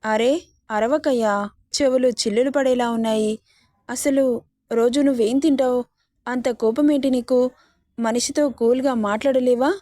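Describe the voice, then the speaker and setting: A woman's voice: on the high side, fairly even intonation, a little slow, pauses often, dark tone, no room sound, studio quality, lightly acted. A woman voicing a bold, cheeky young woman who teases and fakes tearful pleading. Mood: sassy. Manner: teasing and sassy, mock-tearful pleading.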